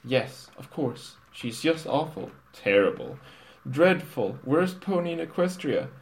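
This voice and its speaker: A man's voice: mid-range voice, sing-song, a little slow, pitched above the performer's own voice, low-quality recording. A man voicing a lovestruck young female pony princess in a comic storybook reading, gushing and sweet.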